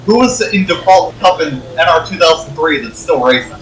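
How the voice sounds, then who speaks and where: Fairly high-voiced sim racer, echoey and distant. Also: male voice, animated, normal speed. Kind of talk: casual chat. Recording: distant echoey mic with noise.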